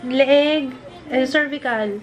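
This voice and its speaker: A woman's voice: sits high, slow pace, a crowd in the background, poor audio. A woman vlogger talking candidly to her viewers at home in a casual, confiding way. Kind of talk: casual chat to camera.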